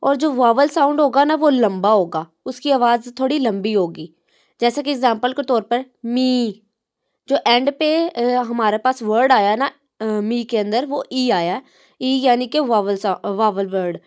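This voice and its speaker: A woman with a slightly high voice teaches in a patient classroom manner. She stretches example words out slowly and weaves English terms into her explanations. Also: a little mellow. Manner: mixes English terms into Hindi-Urdu speech.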